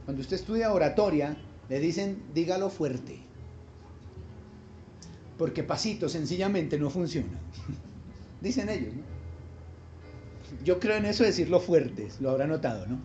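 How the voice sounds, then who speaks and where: A man's voice: on the high side, very animated, a little slow, long pauses, mellow, soft background music. A man preaching a sermon as pastor, emphatic and quizzing the congregation with rhetorical questions. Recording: dull live church recording with faint ambience.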